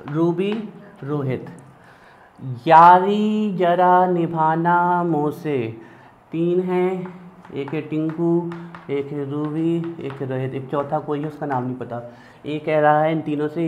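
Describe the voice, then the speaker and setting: A male chemistry teacher, teaching periodic table mnemonics and chanting element names in rhythmic lists. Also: on the high side. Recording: dull lo-fi sound with faint background noise.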